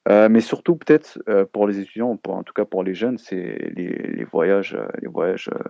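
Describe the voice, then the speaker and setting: A man hosting a casual live chat, speaking hesitantly with many pauses and fillers, with a gravelly voice on a dull lo-fi recording. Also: deep voice, dark tone, no room sound. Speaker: host.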